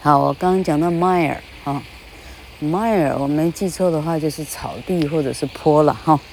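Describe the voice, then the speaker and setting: A woman's voice: low-pitched, a little mellow, a little hiss or hum. Chatty Taiwanese woman teaching English. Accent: Taiwanese Mandarin. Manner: chatty, laughs, spells words out slowly. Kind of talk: casual teaching talk.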